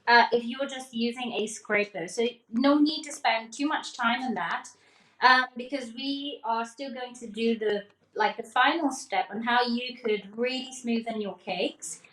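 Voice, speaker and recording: A woman's voice: fairly high pitch, measured pace, fairly bright tone. Chatty woman teaching cake decorating. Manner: chatty, checks in with "okay?", laughs often. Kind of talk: live demonstration, casual teaching. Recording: echoey room.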